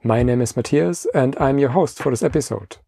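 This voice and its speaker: A man's voice: mid-range voice, fairly quick, vocal fry. Male podcast host, formal scripted delivery, music bed behind. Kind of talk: scripted podcast intro and interview questions.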